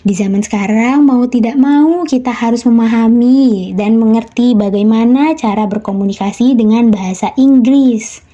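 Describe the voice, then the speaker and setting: A woman's voice: moderate pace, dull audio. A woman teacher with an Indonesian accent explains a lesson and reads model phrases twice for students to repeat. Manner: explains in one language, then reads model phone phrases twice, higher and brighter.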